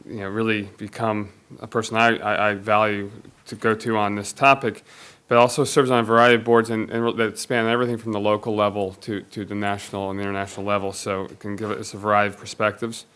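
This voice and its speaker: A man moderates a conference panel with a low, smooth, resonant voice. He introduces the next speaker, halting and restarting often. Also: flat delivery, a bit bright.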